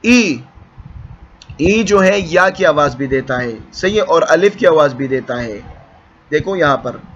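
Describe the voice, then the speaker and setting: A man's voice: high voice, a bit bright. A man teaches English letter sounds in a classroom-style lesson, explaining patiently and repeating himself often. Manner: patient, repetitive explaining with frequent "theek hai". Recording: dull lo-fi with faint background noise.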